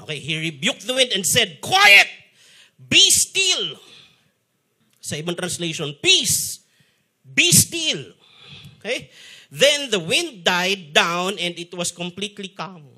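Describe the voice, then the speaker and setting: A pastor with a Filipino accent and a high, husky voice preaches a sermon as an animated storyteller. He switches between Tagalog and English and acts out the quotes he relates.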